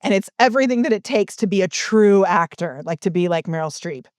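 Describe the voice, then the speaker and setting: A middle-aged woman speaks as a guest in a casual interview, in an ordinary mid-range voice. She tells stories in an animated way and laughs between her points. Her voice sounds dry and close. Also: medium pitch, fairly quick, dry recording. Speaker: guest, business coach.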